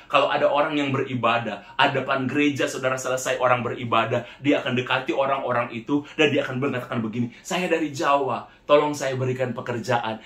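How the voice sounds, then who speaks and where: A man's voice: medium pitch, fairly bright tone, echoey room. A man preaching as a pastor, telling a testimony to his congregation and often calling them brothers and sisters. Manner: addresses the congregation as "saudara" repeatedly, acts out quoted voices. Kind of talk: sermon testimony storytelling.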